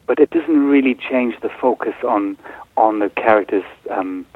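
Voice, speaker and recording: A film director who grew up in Germany answers interview questions hesitantly, with lots of ums, fillers, and restarts. His mid-range voice moves at a normal speed, and the recording is dry, coming through a tinny, phone-like line.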